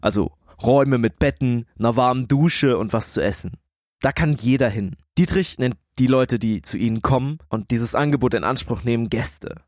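A male podcast co-host tells stories conversationally in a dry recording with almost no room sound. His pitch sits in the middle of the male range. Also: moderate pace, darkish tone, dry recording.

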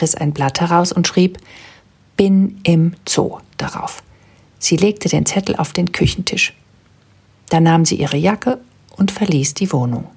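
Low, husky woman reading a storybook. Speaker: narrator. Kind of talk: scripted storybook narration.

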